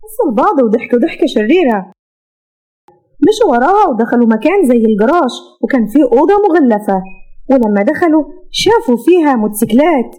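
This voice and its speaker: A woman storyteller with an Egyptian accent reading a romance story aloud in brisk, running narration. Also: high voice, lively intonation, warm tone. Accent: Egyptian Arabic.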